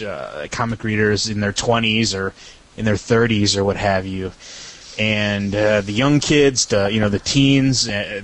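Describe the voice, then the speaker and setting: A man's voice: on the low side, a bit bright, poor audio. A man in his thirties chatting casually as a podcast co-host. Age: 30s. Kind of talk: casual chat.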